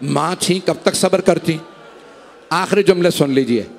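A man's voice: on the high side, measured pace, gravelly, darkish tone, a little hiss or hum. A man reciting a Muharram majlis, impassioned and pleading with the gathering. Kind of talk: emotional Muharram majlis sermon. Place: imambargah gathering.

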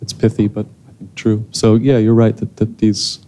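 A man's voice: lowish voice, monotone, normal speed, mellow, slight background noise. A man in his thirties answering audience questions after a screening, speaking into a handheld mic on a theater stage, thoughtful and hesitant with many restarts. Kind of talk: post-screening Q&A.

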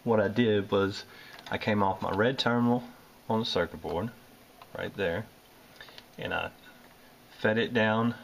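A Southern American HVAC technician with a lowish voice walks through a furnace wiring job step by step, using plenty of "uh" fillers. He's filmed up close on a handheld camera indoors at a furnace in a basement or utility space, with slight background noise.

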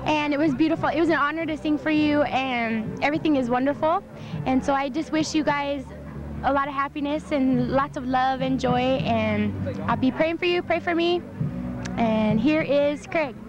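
A high-voiced woman, the wedding singer, gives her sincere, chatty and slightly hurried wishes to the newlyweds. The sound comes from an old VHS home video tape, dull and lo-fi like cheap camcorder audio. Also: over music. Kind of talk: wedding well-wishes to the couple.

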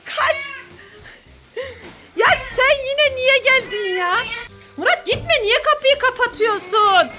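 Excitable woman narrating gameplay, very high pitched and bright, faint music behind. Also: slow pace, pauses often. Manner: excitable, shrieking, giggly. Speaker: game player and host. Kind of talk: narrating a game while playing.

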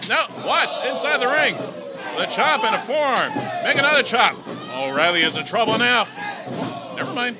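A man doing excited play-by-play as a lucha libre announcer, calling moves and exclaiming. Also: very high-pitched, moderate pace. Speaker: lucha libre match commentator. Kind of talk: excited play-by-play wrestling commentary. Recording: noisy hall recording with loud crowd. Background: loud wrestling crowd.

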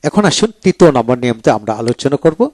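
A man teaching English grammar, slowly repeating each verb form twice as a drill. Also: mid-range voice, big pitch swings, darkish tone, no room sound. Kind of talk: slow explanatory lesson.

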